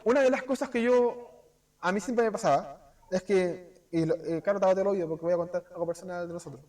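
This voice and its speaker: Chilean guy preaching in church, high voice, kinda far from the mic, lively and acts stuff out. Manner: animated, asks rhetorical "cierto?", acts out quick voices. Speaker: preacher teaching a Bible class. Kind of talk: informal sermon.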